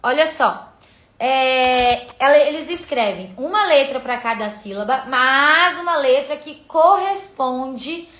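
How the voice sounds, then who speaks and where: A woman teacher with a high, bright voice leads a live-streamed literacy lesson. She explains step by step, keeps pointing her viewers to the examples, and greets them as they join. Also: expressive, slow.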